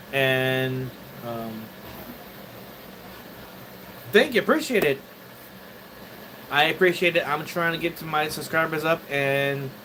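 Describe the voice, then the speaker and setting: A man casually chatting on a livestream from his home studio, rambling and halting as he greets viewers. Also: on the high side, background noise. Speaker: 3D printing livestreamer.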